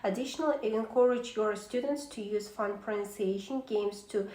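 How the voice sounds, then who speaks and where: A woman reading a prepared talk on teaching, steady with a few filler pauses. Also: medium pitch, echoey room, low-quality recording.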